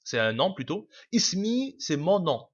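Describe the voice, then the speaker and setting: A man's voice: fairly high pitch, animated, normal speed, a bit bright. A man teaching a casual video lesson, explaining patiently with many fillers, restarts and repeats. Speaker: Arabic teacher. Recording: dull lo-fi home recording.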